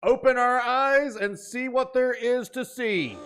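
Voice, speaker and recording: A man hosts a reaction video, commenting casually and dramatically on what he watches, animated and full of dramatic exclamations. His voice is very high and a little slow, with a little hiss or hum in the recording.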